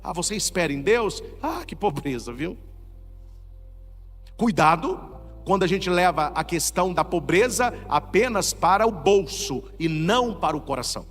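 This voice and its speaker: Lively high-voiced Brazilian priest preaching. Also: male voice, moderate pace, in a large hall, soft background music. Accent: Brazilian Portuguese. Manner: animated preaching with rhetorical questions. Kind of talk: sermon.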